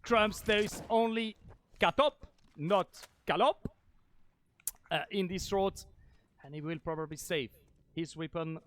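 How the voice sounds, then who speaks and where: Brief: high, clear-voiced man with a Spanish accent, excitable play-by-play caster who erupts on big plays. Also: measured pace, long pauses. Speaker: esports caster. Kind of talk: play-by-play esports commentary.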